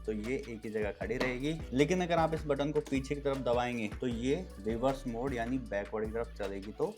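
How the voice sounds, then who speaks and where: Over background music, a video host gives a casual, step-by-step product review, talking to viewers like friends. His voice is medium-pitched at normal speed.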